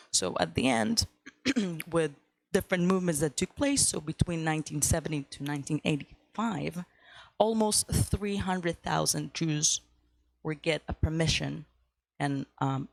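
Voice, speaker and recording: Speaking to a church class as a guest, a young woman from Ukraine keeps things casual, with plenty of fillers and cheerful asides. Her voice is lowish with vocal fry, recorded without echo.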